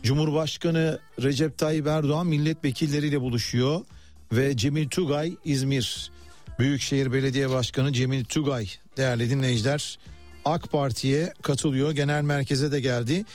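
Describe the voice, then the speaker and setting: A man's voice: medium pitch, steady tone, moderate pace, a little mellow, soft background music. A man presenting live radio news with commentary, addressing listeners in a hesitant, conversational way and turning to colleagues mid-broadcast.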